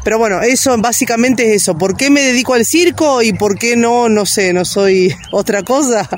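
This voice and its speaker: Argentine woman, rambling interview talk, lots of fillers, high-pitched, faint noise behind. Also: moderate pace. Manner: rambling, many fillers and restarts. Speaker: interviewee, circus worker.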